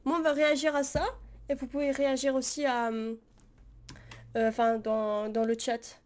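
A woman's voice: high voice, level tone, moderate pace. A young woman live-streaming reaction commentary, talking casually and rambling, with many fillers and frequent laughs. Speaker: streamer reacting to parody videos.

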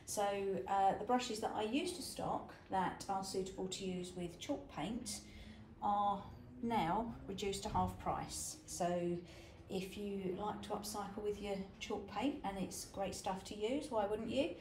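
A woman showing customers around her small shop, chatty and relaxed with plenty of ums. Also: medium pitch, a little slow. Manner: chatty and relaxed, many fillers like um and uh. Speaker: shop owner giving a tour. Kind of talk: casual walk-through shop tour. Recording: echoey shop room with clear background noise.

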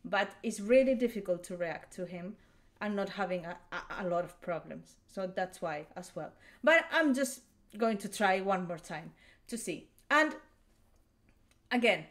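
A woman's voice: mid-range voice, animated, unhurried. A young woman from Spain talks in English with a Spanish accent, in the easy, chatty way of a reaction video host. She explains things as she goes, restarts her sentences often and lets small laughs slip in. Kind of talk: casual commentary.

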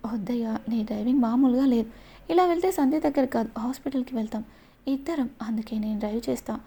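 Brief: a woman reading as a cautious middle-aged inspector, fatherly and fussy, husky softness. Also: a little high, fast talker. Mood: worried.

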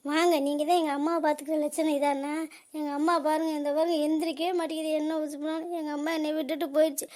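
A woman's voice: high-pitched, flat delivery, quick pace, darkish tone, close to an everyday voice. A woman voicing an adult daughter in a cartoon comedy, wailing and accusing her relatives.

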